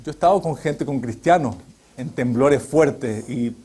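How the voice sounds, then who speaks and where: A middle-aged man preaching a sermon as pastor, animated, swinging from loud exhortation to quiet asides. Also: medium pitch, unhurried, slightly rough.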